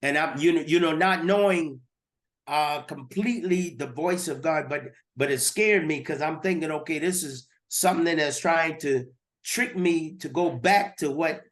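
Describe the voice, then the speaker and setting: A man's voice: a little high, unhurried, a bit bright. A man giving a personal testimony as a guest, earnest and repeating words as he goes.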